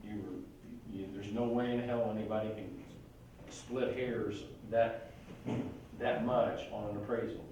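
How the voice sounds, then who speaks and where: In an echoey training room with a distant mic, a man gives laid-back real estate training, chatty and folksy with plenty of stories. His voice is lowish, a little mellow and fairly flat in pitch, his pace unhurried, with a bit of hiss or hum underneath.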